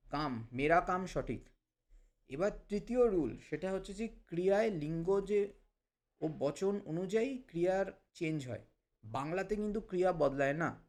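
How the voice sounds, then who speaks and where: A man with a Bengali accent teaching a language lesson, repeating example phrases slowly for learners. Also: fairly high pitch. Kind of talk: explanatory lesson.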